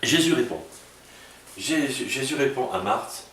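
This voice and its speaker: A man's voice: mid-range voice, expressive, a little slow, a bit bright, slight background noise. A man, a pastor, giving an informal sermon-style talk to small groups and often asking "tu vois?". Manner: informal, addresses listener as tu, frequent "tu vois". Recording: roomy echo from a distance with faint ambience.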